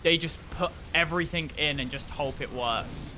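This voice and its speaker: A young man streaming a game, rambling in casual commentary, swearing freely and breaking into excited outbursts. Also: fairly high pitch, moderate pace, background noise.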